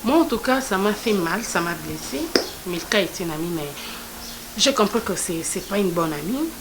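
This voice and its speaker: A woman's voice: mid-range voice, expressive, moderate pace, close to an everyday voice. A woman, speaking in a hurt, hesitant way. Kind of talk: film acting. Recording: clicks and background noise.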